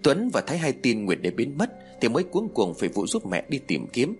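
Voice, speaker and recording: A man reading a dramatic story as narrator, in a steady storytelling manner. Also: mid-range voice, brisk. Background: faint music.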